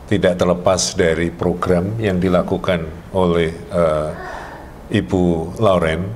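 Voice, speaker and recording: A man's voice: deep voice, a little hiss or hum. An Indonesian-accented man hosting a casual interview, addressing his guest courteously and formally.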